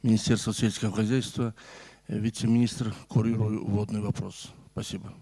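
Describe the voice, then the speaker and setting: Low mellow guy from kazakhstan, short formal intro, sounds a bit far off. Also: flat delivery, brisk, breathy edge. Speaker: vice minister. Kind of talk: formal self-introduction at a ministerial meeting.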